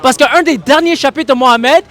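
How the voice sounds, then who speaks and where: A man with a strikingly high voice argues on a busy city street. He is insistent and pressing, hammering his point and repeating his friendly address again and again. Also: moderate pace, fairly bright tone. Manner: insistent, keeps repeating "mon ami". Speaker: street evangelist. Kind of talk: street debate.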